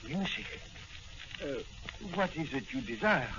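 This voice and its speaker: An old, hissy radio recording with narrow sound carries a nervous French novelist. His French accent is thick with courtesy and hesitation. His pitch swings widely in 1940s radio-play style. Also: lively intonation, measured pace. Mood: nervous, polite. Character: nervous, polite French novelist and gun collector. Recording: noisy, band-limited old-time radio recording.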